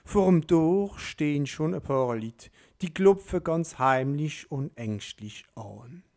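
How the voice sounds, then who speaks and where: Slow-reading male storyteller. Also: a little high, expressive, darkish tone. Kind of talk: reading a dialect story aloud.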